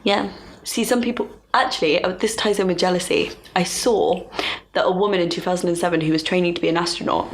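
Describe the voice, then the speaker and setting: A woman's voice: lowish voice, steady tone, fast talker, few pauses. A young woman co-hosting a casual chat, talking in a musing, hesitant way. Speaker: podcast co-host.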